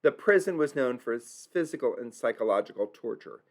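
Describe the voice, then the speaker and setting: This mid-range voice is animated and brisk as the vlogger narrates his travel tour. Despite the energy, his tone stays earnest and reflective, and German place names occasionally cause him to stumble.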